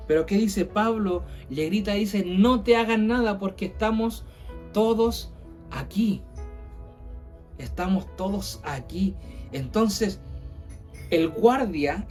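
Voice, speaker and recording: A man preaches an earnest sermon. He gets louder and slower whenever he quotes scripture. Soft music plays under him. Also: high voice. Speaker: pastor.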